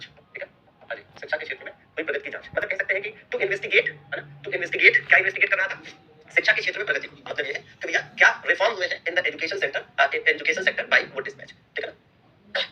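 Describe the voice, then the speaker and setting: A man's voice: fairly high pitch, pushed and bright, slight background noise. A man teaching a history lesson to exam students, repeating key terms and answering his own questions, mixing in English terms and friendly asides to the class. He is a little unwell. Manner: mixes Hindi with English terms; friendly asides to students, calling them "bhaiya" and "dost". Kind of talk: online exam-prep history lecture.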